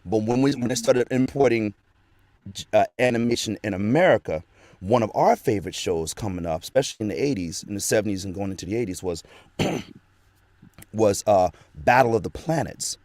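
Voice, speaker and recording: Speaking at a normal pace in a lowish, darkish voice, this middle-aged man is a voice actor being interviewed. He reminisces casually and meanders, frequently starting his sentences over. There's no echo on the recording.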